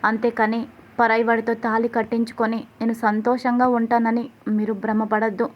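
A woman's voice: on the high side, monotone, normal speed, dull audio, natural voice. A woman voicing a heartbroken young woman who pleads with her uncle and vows never to marry anyone else. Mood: defiant plea. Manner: pleading, tearful, defiant. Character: young woman, heartbroken, vowing to refuse any other match.

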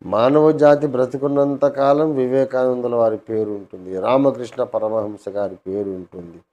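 A man in his late sixties answering questions calmly and deliberately, often asking rhetorical questions. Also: medium pitch, dull audio. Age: 60s. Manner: calm, measured, with rhetorical questions. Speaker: interviewee. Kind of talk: Q&A conversation.

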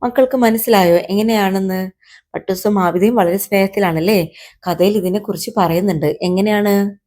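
Lively woman telling a children's story. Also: medium pitch, normal speed. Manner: lively, expressive storyteller who asks children questions. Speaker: teacher.

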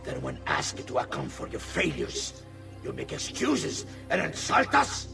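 A man's voice: medium pitch, huge pitch swings, a little slow, over music, heavily acted. An actor playing a stern, commanding male Templar leader who scolds his allies in a cold, formal way, in a video game cutscene. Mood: scolding. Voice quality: gravelly. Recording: distant game audio with loud score.

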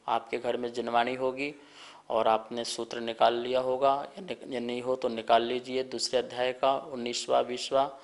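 A man leading a televised scripture lesson, calmly explaining and drilling careful pronunciation. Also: mid-range voice, normal speed. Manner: leads call-and-response recitation. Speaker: religious teacher leading a scripture class.

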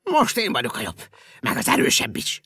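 An actor voicing a pair of talking shoes that squabble and whimper. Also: male voice, medium pitch, wildly swooping pitch, gravelly, sharp tone, breathy edge, no echo, pitched below the performer's own voice, heavily acted. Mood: quarrelsome.

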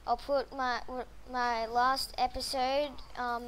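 A woman giving casual gameplay commentary, rambling and excitable, full of fillers. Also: sits high, slow, a little hiss or hum, poor audio.

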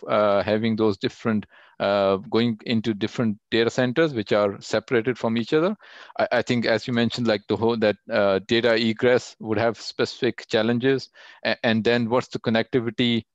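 A guest speaker with a medium-pitched voice answers technical questions over a video call, using many fillers and restarts. The audio is dull, with no echo.

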